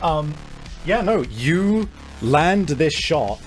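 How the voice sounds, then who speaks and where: A man's voice: fairly high pitch, big pitch swings, drawn-out words, soft background music. A man running a tabletop game as game master, talking casually with frequent swearing and fillers.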